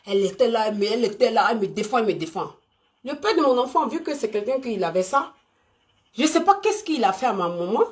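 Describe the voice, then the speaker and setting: A woman's voice: fairly high pitch, quick pace. A woman talks live to her viewers, emphatic and repetitive. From Côte d'Ivoire. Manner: animated, emphatic and repetitive, talking straight to viewers. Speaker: live stream host. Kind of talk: unscripted live stream talk.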